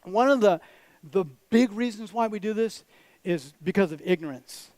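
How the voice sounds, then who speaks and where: A man's voice: high-pitched, lively intonation, moderate pace, darkish tone, no echo. A man preaching a sermon as a pastor, direct and conversational, with teasing asides to the congregation. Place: church.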